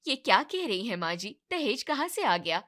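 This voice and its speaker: A woman voicing a gentle, timid young daughter-in-law in an animated family drama, speaking in a polite, pleading way. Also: a little high, normal speed.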